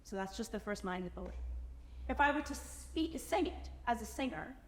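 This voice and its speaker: A woman with a fairly high voice explains her vocal technique to a concert audience in an animated way. The sound is roomy, with a long reverb from the hall around her. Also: normal speed, a little hiss or hum. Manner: animated, demonstrates by speaking and singing. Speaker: singer performing the speaking part.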